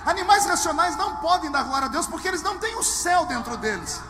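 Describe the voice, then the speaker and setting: High-voiced man preaching in a hall. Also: very animated, fast. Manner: dramatic swings from hushed asides to shouted lines; humorous storytelling. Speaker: pastor. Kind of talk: live preaching to a congregation. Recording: long hall reverb with music underneath.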